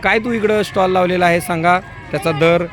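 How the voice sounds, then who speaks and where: Brisk male teacher prompting kids. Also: high-pitched, steady tone. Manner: brisk, coaxing children with quick prompts. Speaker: school teacher. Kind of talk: walking tour of a school market stall by stall. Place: outdoor school fair among children. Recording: noisy crowd of children outdoors.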